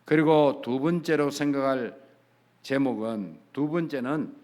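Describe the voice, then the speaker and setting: A middle-aged man with a Gyeongsang Korean accent, a pastor preaching a sermon, emphatic and swinging between soft and loud, acting out bits of dialogue. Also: medium pitch, unhurried.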